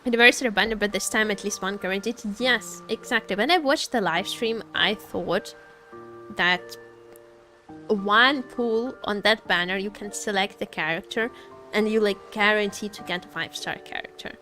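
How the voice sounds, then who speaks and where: In this casual gaming stream, a woman chats expressively and tends to repeat phrases. Her pitch is medium and her tone sharp, she speaks at a moderate pace, and soft music plays in the background.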